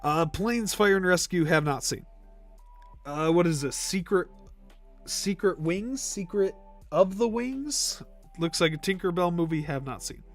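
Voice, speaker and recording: With soft music in the background, a young live stream host chats casually while ranking movies, rambling with fillers and coughing now and then from an irritated throat. His voice is high-pitched, creaky, and expressive, and he keeps a measured pace.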